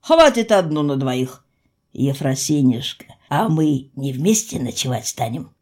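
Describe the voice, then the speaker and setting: A woman doing a low, easygoing young man. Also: sing-song, a little slow, darkish tone, heavily acted. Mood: teasing. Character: red-haired young man, generous and easygoing.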